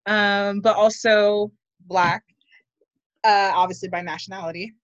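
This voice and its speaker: A woman's voice: mid-range voice, fairly even intonation, unhurried, no echo. Young woman, Maryland accent, teasing podcast co-host, dry close sound, dull lo-fi audio. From Maryland, USA. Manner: playful, teasing, slangy. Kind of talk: casual chat.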